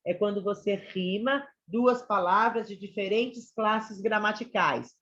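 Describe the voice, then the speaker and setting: A woman's voice: mid-range voice, unhurried, a bit bright. Brazilian woman teaching an online class. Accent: Brazilian Portuguese. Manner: chatty, addresses students as "gente" and "galera". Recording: slightly dull lo-fi sound.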